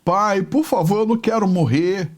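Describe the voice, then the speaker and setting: A man's voice: high-pitched, moderate pace, natural voice. A man doing a terrified boy begging. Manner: pleading. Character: terrified young boy begging his father.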